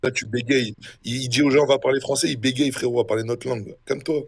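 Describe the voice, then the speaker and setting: A man's voice: mid-range voice, steady tone, fast, husky. A young man streaming a role-play game, casually mocking and insulting another player in a taunting way. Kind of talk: casual trash talk on stream.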